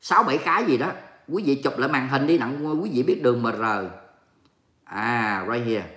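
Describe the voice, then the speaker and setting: A man's voice: mid-range voice, lively intonation, normal speed, a bit bright, echoey room. A Vietnamese man hosting a casual livestream, bantering playfully and mock-indignantly with viewers as he reads their comments. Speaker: livestream host. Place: home, living in Texas.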